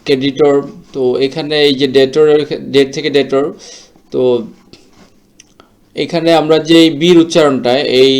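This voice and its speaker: A man teaching English word pronunciation in a slow, explanatory way, mixing English words into his talk. English is not his first language; his first language is Bengali. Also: mid-range voice. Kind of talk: explanatory lesson.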